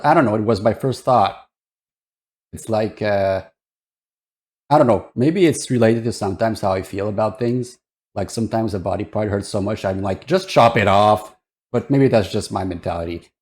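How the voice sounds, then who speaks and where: Male streamer, lowish voice, casual reaction chat, rambling, hesitant, thinking out loud.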